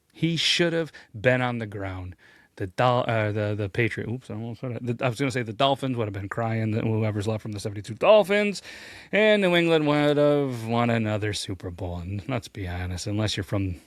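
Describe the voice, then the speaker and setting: A man hosting a sports ranking show, telling the story with jokey asides and rising excitement. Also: no room sound, studio quality. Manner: animated, jokey, pitch swings when excited. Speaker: host. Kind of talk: energetic sports commentary.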